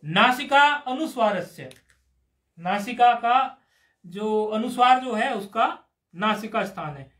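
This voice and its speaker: A man's voice: high-pitched, animated, slow pace, pushed and bright. A man teaching Sanskrit grammar in a live class, explaining patiently step by step and asking his students questions. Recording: roomy echoey room.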